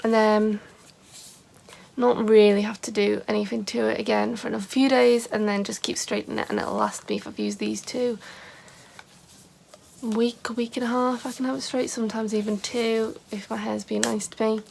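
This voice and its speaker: In a casual to-camera chat, a young beauty vlogger rambles along, filling her talk with "like." Her voice is fairly high and a little mellow but has vocal fry and sounds scratchy today, moving at a moderate pace.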